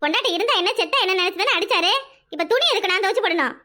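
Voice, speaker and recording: A woman's voice: very high voice, animated, racing, heavily acted. A woman voicing a grumbling village daughter-in-law. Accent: Kanyakumari Tamil. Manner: complaining, sharp-tongued. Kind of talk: cartoon voice acting.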